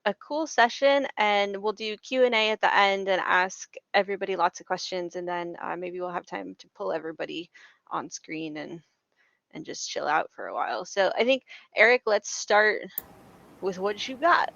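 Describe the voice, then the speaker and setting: Woman co-host, gravelly voice, dry dull call sound, chatty. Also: mid-range voice, normal speed, fairly bright tone, no room sound. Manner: chatty, laughing often. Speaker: user group co-host. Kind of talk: casual meetup hosting. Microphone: home microphone on a video call.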